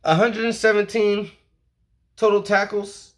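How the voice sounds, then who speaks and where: A man's voice: sits high, level tone, unhurried. A man recording a casual fan vlog about his football team, talking in a slangy, hyped-up way with lots of "okay?" and "you feel me?". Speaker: sports vlogger.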